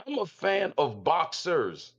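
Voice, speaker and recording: Speaking slowly in a slightly high voice with wildly swooping pitch, a caller in his 50s from South Philadelphia chats bluntly in slang and repeats himself. He's on a Discord call, and the audio sounds muffled.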